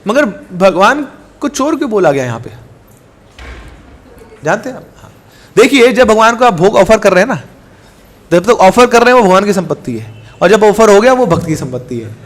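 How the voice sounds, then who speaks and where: A man preaching a devotional sermon, telling a story in an animated, conversational way and asking his listeners questions. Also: sits high, moderate pace, long pauses. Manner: animated, conversational, asks the audience.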